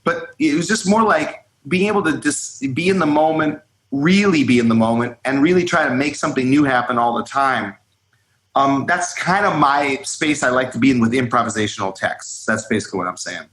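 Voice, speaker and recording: A man talking as a guest musician in an interview, telling stories in a rambling, animated way full of "like" and "you know". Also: mid-range voice, a little fast, echoey room, low-quality recording. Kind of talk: casual storytelling in an interview.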